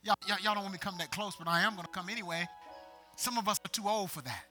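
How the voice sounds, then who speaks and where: A man's voice: high voice, fast, faint music behind. A middle-aged man pastor preaching a call-and-response sermon, urging the congregation to answer him and building to emphatic peaks. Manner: rising to emphatic, shouted peaks.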